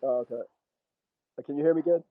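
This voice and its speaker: A man's voice: fairly high pitch, quick pace, no echo. A man calling into a livestream, asking a hesitant, polite question over a muffled, underwater-sounding connection. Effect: muffled, underwater-sounding stream connection. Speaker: caller. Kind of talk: casual call-in question. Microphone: headphones on a stream call. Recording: muffled, tinny, dry call-in line.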